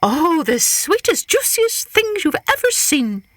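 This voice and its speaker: A woman's voice: very high voice, very animated, slow, pitched above the performer's own voice, full character voice. A woman voicing a scrawny old hare in a storybook tale, a cunning trickster who pleads with mock innocence. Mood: coaxing. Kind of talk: storybook character voice.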